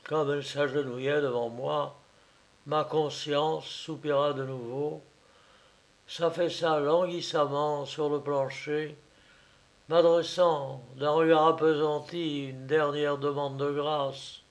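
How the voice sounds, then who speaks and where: A man narrating a story in a measured, theatrical audiobook reading. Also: on the high side, flat delivery.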